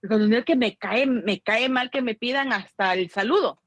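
A woman from Guatemala, chatting casually as co-host, telling animated stories and mimicking her relatives, dropping in English phrases. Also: on the high side, normal speed, dry recording. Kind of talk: casual chat.

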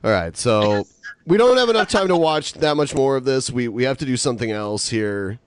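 A man's voice: medium pitch, animated, normal speed, smooth. A man in his late thirties hosting a casual podcast chat, laid-back and crude, often laughing. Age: 30s. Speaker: podcast host.

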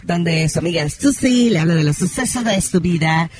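A man's voice: a little high, lively intonation, moderate pace, noisy background, close to an everyday voice. A man playing a chatty, theatrical woman who hosts an advice segment in a comedy radio sketch, exclaiming often. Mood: gossipy. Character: brassy gossiping woman advice-segment hostess. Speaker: advice segment host character. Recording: music playing behind.

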